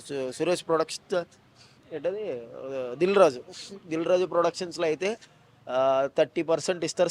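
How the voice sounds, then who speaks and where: Fast-talking man, animated. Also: on the high side. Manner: fast, animated storytelling with joking asides. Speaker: actor and mimicry artist. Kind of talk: casual interview talk.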